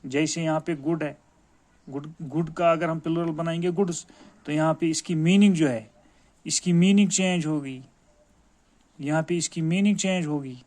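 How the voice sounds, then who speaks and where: A man's voice: fairly high pitch, fairly even intonation, darkish tone. Kashmiri man teaching children grammar. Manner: explains patiently, addressing pupils as dear children. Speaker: school teacher. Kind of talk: classroom grammar lesson.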